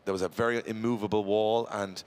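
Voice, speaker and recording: A man's voice: lowish voice, fairly even intonation, a little fast, darkish tone, smooth. A man giving live drift commentary, chatty and bantering with his co-host.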